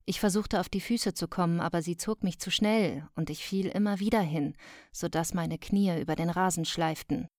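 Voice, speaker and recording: A woman narrating a first-person story in a calm, measured audiobook reading. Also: fairly low pitch, dry recording, studio quality.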